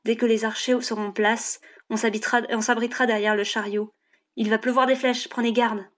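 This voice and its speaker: A woman's voice: on the high side, level tone, fairly quick, lightly acted. A woman voicing a tough male fighter who gives urgent orders in battle. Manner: urgent, commanding.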